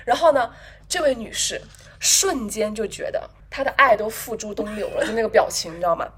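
A woman co-hosting a podcast, chatting casually and telling animated workplace stories, often laughing and mimicking coworkers. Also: a little high, a little fast, slightly rough. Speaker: podcast co-host. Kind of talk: casual chat, storytelling.

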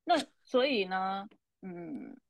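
真诚分享的台湾口音女人. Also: female voice, mid-range voice, animated, slow, creaky, no room sound, lo-fi sound. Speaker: coach, podcast co-host. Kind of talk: casual conversation.

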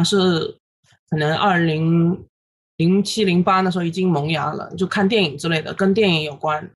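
A woman in her thirties, a guest illustrator on a podcast, recounting her story in an animated way with many fillers and English words dropped in. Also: fairly low pitch, slight background noise. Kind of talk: casual podcast interview.

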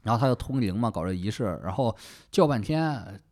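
Animated male storyteller with twang. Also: on the low side, fairly quick. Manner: lively, colloquial, acts out quoted characters. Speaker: podcast co-host. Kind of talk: casual storytelling chat.

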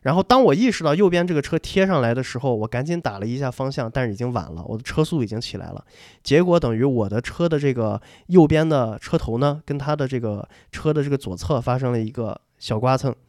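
Speaking quickly and casually, a young man on a podcast tells his co-hosts an animated anecdote, performing the dialogue and frequently going back over his words. His voice sits in the mid-range, and the recording is close and dry, without any echo.

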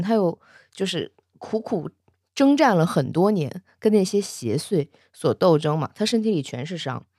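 Woman storyteller, low voice, close dry sound, casual and chatty with frequent laughs. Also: darkish tone, no room sound.

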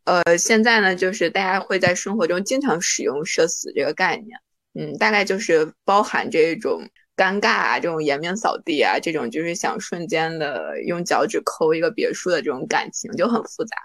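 A woman hosting a podcast, introducing the topic in a measured, steady way. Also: lowish voice, no echo, studio quality. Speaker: podcast host. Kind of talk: casual podcast chat.

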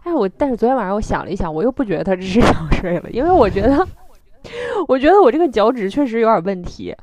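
A woman with a Northeastern Chinese accent chatting casually as a podcast co-host, telling stories in an animated, self-mocking way. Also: a little high, fast talker, a little hiss or hum. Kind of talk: casual chat.

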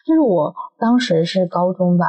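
A woman co-hosting a podcast in casual chat, telling stories in an animated way and laughing often. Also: fairly low pitch, moderate pace, rough recording. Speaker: podcast co-host.

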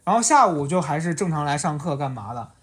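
A podcast host telling a school story in casual chat, animated and often laughing. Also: mid-range voice, fast talker.

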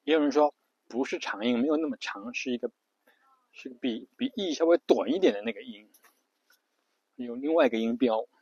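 A man's voice: mid-range voice, expressive, moderate pace, gravelly, pauses often, a little mellow, slightly rough, no room sound. Man teaching pronunciation, dry and dull-sounding. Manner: repetitive, lots of fillers and restarts, spells letters out. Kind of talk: casual spoken lesson.

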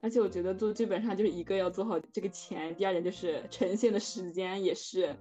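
A young adult woman chats casually, speaking fast in a medium-pitched, steady voice with a dark tone. The recording sounds dull and lo-fi, with music playing in the background.

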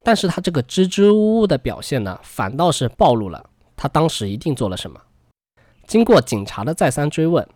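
A man's voice: on the high side, very animated, brisk, a little mellow, no echo, clean studio sound. A man hosting a true crime podcast, narrating a case in conversational storyteller phrasing.

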